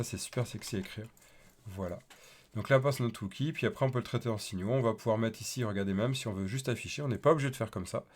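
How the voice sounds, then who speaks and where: A man teaching a casual live coding tutorial, chatty and thinking aloud with many fillers as he types. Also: lowish voice. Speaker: developer teaching a coding livestream.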